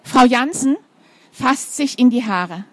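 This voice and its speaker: A woman's voice: high-pitched, lively intonation, takes it slowly, fairly bright tone, no room sound. A woman reading a children's story aloud, adding informal asides to her young listeners.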